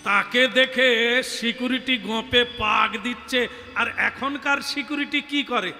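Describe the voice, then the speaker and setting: A man's voice: very high-pitched, fairly even intonation, unhurried, pushed and bright. A male kirtan preacher telling a devotional story to the devotees in a folksy, teasing way. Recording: reverberant hall with music.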